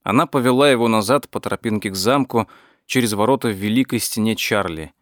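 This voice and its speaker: A man reading an audiobook as its narrator, telling the story in a measured, even way. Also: on the low side, no echo, studio quality. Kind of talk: scripted narration.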